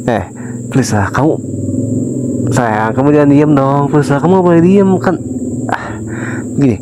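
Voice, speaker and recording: A man voicing a remorseful young husband softly pleading with his wife, in a whispered role-play that sprinkles in English phrases. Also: mid-range voice, measured pace, noisy background, lightly acted. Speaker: ASMR voice actor.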